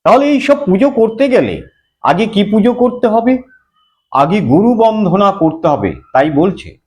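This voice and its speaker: Slow, lively high-voiced man teaching scripture. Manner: recites verses then explains them, chants mantras slowly. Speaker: religious teacher. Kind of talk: scripture explanation.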